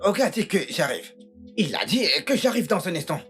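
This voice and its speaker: Man doing an eager high-pitched young servant. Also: sing-song, normal speed, faint music behind. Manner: deferential, calls employer Oga. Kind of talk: French film dub.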